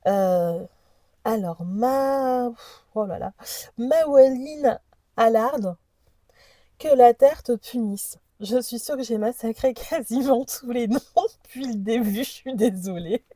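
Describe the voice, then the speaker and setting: A woman's voice: fairly high pitch, slow pace, dark tone, no echo. A woman host presenting an oracle deck in a casual chat, reading the card messages aloud and hesitating over unfamiliar names.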